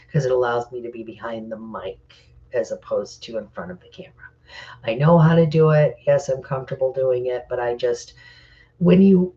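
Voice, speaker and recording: A woman's voice: very deep voice, darkish tone, dull audio. A middle-aged woman hosting a casual live-stream Q&A, stuffy from crying, talking hesitantly with many fillers while reading comments. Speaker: live Q&A host.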